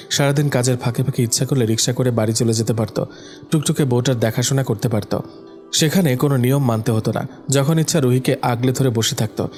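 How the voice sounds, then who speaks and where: A man narrating a romantic audio story in a scripted, even reading voice. He voices the couple's lines himself with small shifts of voice, and soft music runs faintly under him. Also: medium pitch. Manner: reads all the characters himself with small voice shifts.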